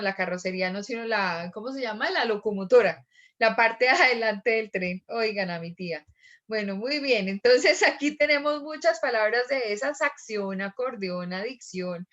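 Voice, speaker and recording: A woman teacher gives an online class lecture over a computer mic. She explains step by step in a slightly high voice and slowly repeats her examples. The audio is muffled and lo-fi. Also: fairly bright tone.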